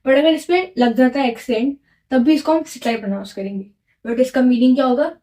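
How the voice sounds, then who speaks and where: A woman's voice: high-pitched, brisk, dark tone. A woman teaching French grammar, explaining step by step, repeating each key word and asking the learner to echo it back, and mixing English words into her Hindi. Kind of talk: classroom-style lesson explanation.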